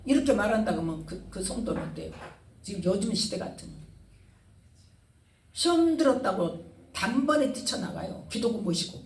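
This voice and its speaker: A woman's voice: medium pitch, lively intonation, normal speed, long pauses, echoey room, distant mic. A woman pastor preaching a sermon, asking the congregation questions and retelling scenes with feeling. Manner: call-and-response questioning, dramatic retelling.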